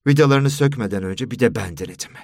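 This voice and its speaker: A man's voice: medium pitch, quick pace, dry recording. A man narrating a first-person story in a weary, dry storytelling manner. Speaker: audiobook narrator.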